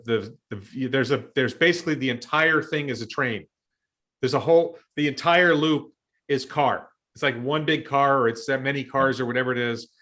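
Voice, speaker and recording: An American man in his fifties talks through his ideas in a casual discussion. His voice has a bright, forward ring. He thinks aloud, stopping and restarting his sentences with plenty of ums. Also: medium pitch. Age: 50s. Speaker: show host and investor.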